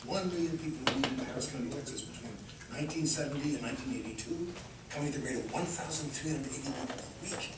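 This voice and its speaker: A man in a documentary interview lays out numbers and dates with precision. His film audio is played into a room and picked up from far off. It comes through heavy echo and loud noise. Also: mid-range voice, quick pace. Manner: precise, fact-laden delivery.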